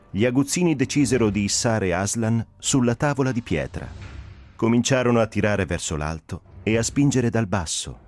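A man narrating a dramatic audiobook reading, expressive and shaped by the drama. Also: medium pitch. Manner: expressive, rising and falling with the drama.

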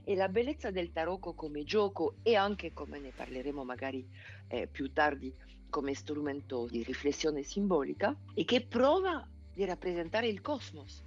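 A man's voice: on the high side, lively intonation, normal speed, dull audio, soft background music. A native French-speaking man with a French accent, explaining things in an interview in approximate Italian, often searching for words. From France. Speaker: interview guest, tarot expert.

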